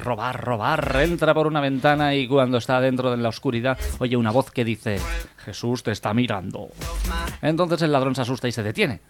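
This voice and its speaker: A man co-hosting a radio comedy show, telling jokes in a steady narrating way. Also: medium pitch, brisk, hardly any pauses, faint music behind. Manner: steady narrated joke delivery.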